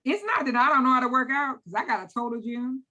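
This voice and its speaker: A woman's voice: high-pitched, fast talker. Talkative middle-aged woman, enthusiastic. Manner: enthusiastic, talkative, repeats words when excited. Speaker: interview guest. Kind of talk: casual interview chat.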